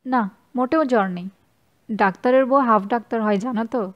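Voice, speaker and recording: A woman voicing a brisk, affectionate middle-aged aunt. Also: on the high side, lo-fi sound, natural voice.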